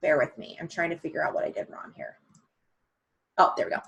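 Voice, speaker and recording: Give me a chatty woman coaching on a video call, with a hoarse, worn-out voice and a frank way of talking. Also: deep voice, very animated, a little fast, fairly bright tone, lo-fi sound. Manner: chatty, frank, acts out prospects' lines. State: losing her voice. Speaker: presenter of a sales training call. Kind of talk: casual coaching talk.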